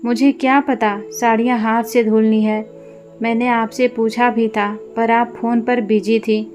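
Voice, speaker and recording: A woman voicing a meek young student who pleads gently with her family, with faint music behind. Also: on the high side, little pitch movement, measured pace, natural voice. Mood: defensive.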